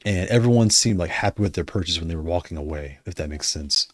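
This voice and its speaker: A deep-voiced man talks fast about controllers during a casual livestream, his voice hoarse because he's losing it. The recording is dry with a close mic. He rambles conversationally and keeps correcting himself.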